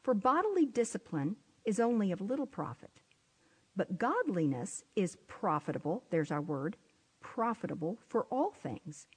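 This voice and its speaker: Breathy, lively woman Bible teacher. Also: medium pitch, moderate pace. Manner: expressive, drops to near-whispers for emphasis. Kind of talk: sermon.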